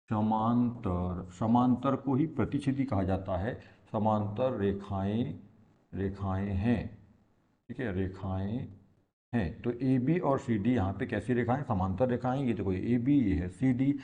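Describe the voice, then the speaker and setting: A male maths teacher from India explains at a board, patient and repetitive. He keeps asking the class rhetorical questions and answers them himself. His voice sits at an ordinary middle pitch. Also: darkish tone, lo-fi sound. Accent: Hindi-speaking India.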